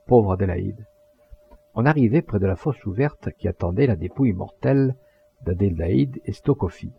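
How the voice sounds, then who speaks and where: Husky, gravelly male audiobook narrator. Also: on the low side, muffled recording. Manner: measured, expressive reading. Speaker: audiobook reader.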